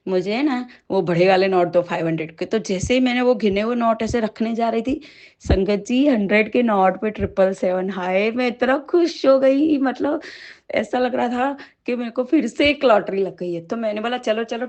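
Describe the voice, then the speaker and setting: A woman sharing a devotional testimony with a tearful voice, growing quieter and breaking into prayer. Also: mid-range voice. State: crying.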